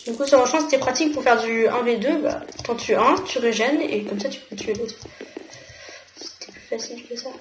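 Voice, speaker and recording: A young woman with a French accent talks her way through a game, thinking aloud and breaking into quick exclamations. Her voice sits a little high. The recording is roomy and echoey, with steady noise underneath. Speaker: gamer. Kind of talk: casual gameplay commentary. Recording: echoey room with noticeable noise.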